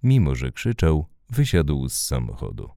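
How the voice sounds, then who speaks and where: A man narrating an audiobook story in a measured, expressive way. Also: extremely low pitch, creaky, no echo, studio quality.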